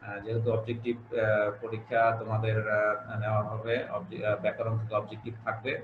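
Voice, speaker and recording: A man's voice: monotone, brisk. Male teacher, online class, repeats key words; echoey room, dull audio. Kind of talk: online grammar lesson. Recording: echoey room, dull low-fi sound, faint hiss.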